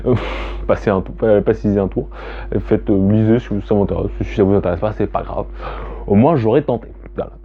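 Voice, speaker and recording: A man talking casually in a vlog about his own poems, hesitant and halting with many fillers and restarts, candid and self-deprecating. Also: fairly low pitch. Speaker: vlogger reading own poems. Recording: tinny phone-like sound.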